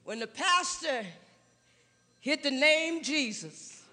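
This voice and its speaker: A man preaching a sermon, building from slow, quiet telling to drawn-out shouted emphasis. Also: very high voice, animated. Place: large church hall. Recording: long reverb in a large hall.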